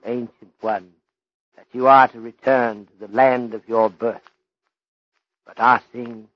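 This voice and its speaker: Formal Chinese detective Charlie Chan, dry lo-fi. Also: male voice, medium pitch, no room sound. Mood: solemn, torn. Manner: formal, deliberate, ornate speech dropping articles. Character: courteous, stern, philosophical Chinese police detective. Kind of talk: old radio drama acting. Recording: dull lo-fi old radio recording.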